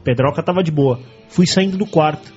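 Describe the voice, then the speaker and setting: A man hosting a casual podcast chat, telling lively stories, acting out quotes and swearing freely. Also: on the high side, a little fast, soft background music. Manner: animated storyteller who acts out quotes and swears freely. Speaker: podcast host. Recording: dull lo-fi podcast recording.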